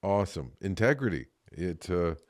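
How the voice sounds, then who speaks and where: A man's voice: low voice, lively intonation, moderate pace. A man hosting a casual interview with encouraging prompts. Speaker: interview host.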